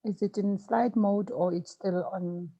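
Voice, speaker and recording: A woman giving a formal presentation over a video call, her voice slightly hoarse, polite and measured. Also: medium pitch, steady tone, dark tone, muffled recording. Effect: speaking over a video call. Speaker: guest speaker.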